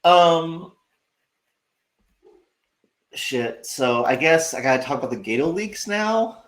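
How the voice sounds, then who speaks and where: A man's voice: fairly high pitch, lively intonation, slow pace. Ranting man in an echoey room. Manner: rambling, profane, sarcastic. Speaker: livestream host. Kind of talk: casual livestream rant.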